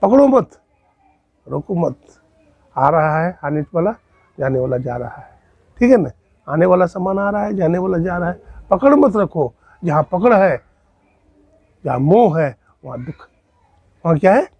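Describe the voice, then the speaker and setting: Guy preaching a hindi-style satsang, storytelling with questions to the crowd, husky voice, dry mic. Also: high voice, animated, measured pace, pauses often, no room sound, highs cut off. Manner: storytelling, asks rhetorical questions. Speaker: spiritual teacher. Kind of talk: Hindi sermon with acted dialogue.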